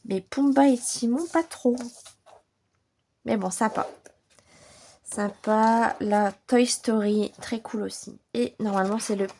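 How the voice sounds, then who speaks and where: A French woman vlogging casually about her coloring books, chatty and enthusiastic, a little hoarse as she recovers from bronchitis. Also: a little high, steady tone, takes it slowly, pauses often, mellow, slight background noise. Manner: chatty, enthusiastic, many fillers. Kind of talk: casual vlog chat.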